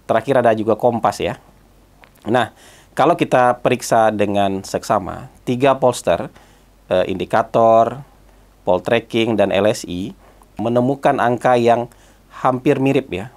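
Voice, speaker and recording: A political commentator hosts his own channel, delivering solo spoken commentary in a stuffy, hoarse voice from a cold. His voice is on the low side and a little mellow, at a moderate pace, and his conversational manner is filled with frequent "ya" and "eh" fillers.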